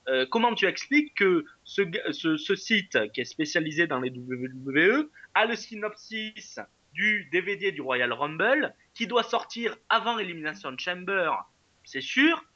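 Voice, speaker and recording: A man with a bright, forceful voice chats casually as co-host of a wrestling show, stumbling through fillers and restarts. His voice sits somewhat high. The recording is dry and a bit dull. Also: sing-song, unhurried, no echo. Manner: hesitant, many fillers and restarts. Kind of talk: casual podcast chat.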